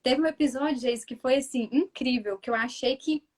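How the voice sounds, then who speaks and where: Speaking at a moderate pace in a high-pitched voice, a mother from Brazil with a Minas Gerais Portuguese accent chats casually as a guest on a live stream. She animatedly acts out talks with her son in a softer voice, with many restarts and filler asides for viewers.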